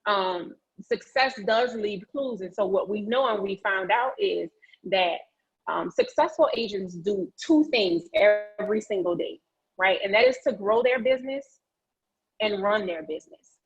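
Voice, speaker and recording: A woman leads an interactive motivational training with a chatty, folksy manner. Her voice has a husky edge and sits at a middle pitch. It comes through a slightly dull video call. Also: a little slow. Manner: chatty, folksy, encouraging audience participation. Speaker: real estate agent leading a training session.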